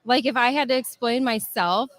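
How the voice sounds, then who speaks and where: A woman's voice: fairly high pitch, moderate pace, fairly bright tone, no echo. A woman guest on a video call, speaking in an easygoing way and often laughing along. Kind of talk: casual video-call chat.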